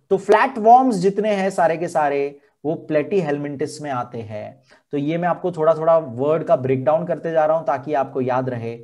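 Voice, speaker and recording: Indian guy teaching science for exams, a bit high pitched, says each term over and over. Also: mellow. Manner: slow, repeating key terms. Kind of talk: board exam lesson.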